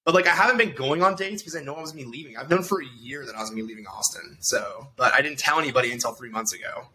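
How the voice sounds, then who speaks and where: A man's voice: mid-range voice, racing, pushed and bright, a little hiss or hum. A man in his thirties, a podcast guest telling stories in loose, profane, rambling casual chat full of fillers. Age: 30s.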